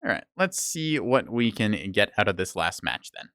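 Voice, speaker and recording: Male streamer, lowish voice, lively up-and-down pitch, rambling gameplay chat, slightly worn voice, faint game music. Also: normal speed, no echo, clean studio sound. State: voice starting to give out. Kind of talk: gameplay commentary.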